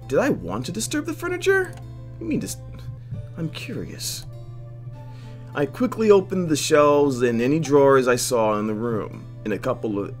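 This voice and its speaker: A man hosting a video game playthrough reads visual novel narration aloud with lots of expression, occasionally stumbling and tossing in joking asides. His voice sits in the mid range.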